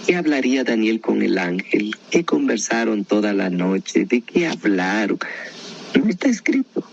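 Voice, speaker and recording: Animated male radio Bible teacher, lo-fi. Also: lowish voice, unhurried, vocal fry, slight background noise. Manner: animated, storytelling with rhetorical questions. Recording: dull lo-fi radio broadcast.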